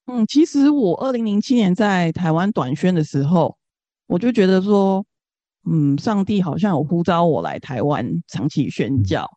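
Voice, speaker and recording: Female interview guest, Singaporean accent. Reflective, casual delivery with animated pitch movement and a soft, dark tone. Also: moderate pace, dry recording, muffled recording. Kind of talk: conversational interview, reflective sharing.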